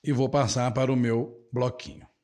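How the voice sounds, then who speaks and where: His voice is medium-pitched, steady and a little mellow. A Brazilian-accented man, he's giving a live English lesson online, repeating each phrase slowly and moving back and forth between English and Portuguese.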